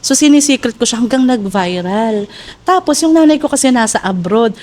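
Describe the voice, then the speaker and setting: A woman from Manila, a podcast guest and content creator, telling stories in animated casual chat and laughing often. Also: a little high, moderate pace, slight background noise. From Manila, Philippines.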